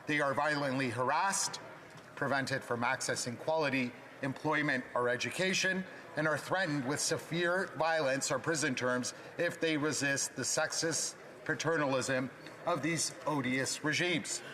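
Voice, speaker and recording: A man with a fairly high, forceful voice reads a formal political statement as a member of parliament. Faint background noise of the chamber sits behind him. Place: legislative chamber.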